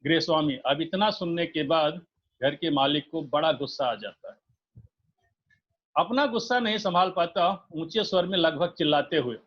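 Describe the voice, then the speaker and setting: A man's voice: on the high side, moderate pace. A male teacher reading a textbook story aloud and explaining it, repeating and paraphrasing each line. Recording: dull lo-fi recording.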